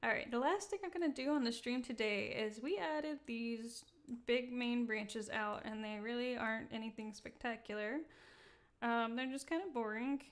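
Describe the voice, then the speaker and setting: A woman hosting a live-streamed software tutorial, talking casually with many fillers and laughing at her own slips. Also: fairly high pitch, normal speed. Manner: casual, chatty, many ums, laughs at herself. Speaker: software demo host. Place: indoor room.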